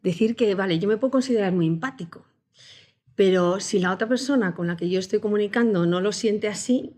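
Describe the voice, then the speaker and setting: A woman executive coach explaining ideas step by step in a calm conversational interview. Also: mid-range voice, a little fast. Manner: warm, methodical, explains step by step. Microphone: podcast studio microphone.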